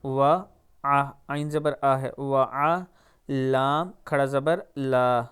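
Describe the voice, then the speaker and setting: A man with a Pakistani Urdu accent teaching the pronunciation of a prayer, drawing each word out slowly, then explaining quickly. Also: medium pitch, steady tone, fairly bright tone, smooth. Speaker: Quran recitation teacher. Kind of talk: pronunciation lesson.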